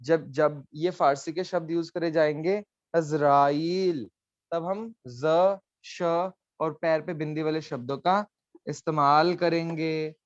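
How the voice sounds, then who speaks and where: A man leads a live online class, explaining each letter patiently and checking that students follow. His voice sits a touch high and sounds close and dry. The call audio comes through dull and lo-fi. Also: steady tone, slow pace, no room sound. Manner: patient, coaxing, mixes in English phrases. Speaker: online language teacher.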